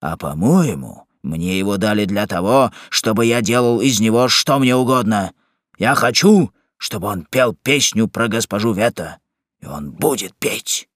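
A hulking, drunken jailer barks and growls through a storybook, as a man puts him on. His low voice swoops from mutters to roars, coarse and bullying. The sound is dry and close. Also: lively intonation, a little slow, no echo. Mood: surly. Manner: bullying, shouting. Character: gruff brutal drunken male cobbler jailer. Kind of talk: audiobook character reading.

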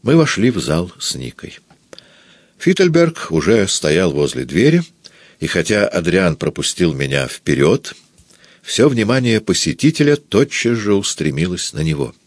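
A man narrating a literary novel for an audiobook in a measured, expressive manner. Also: low-pitched, dry recording, clean studio sound.

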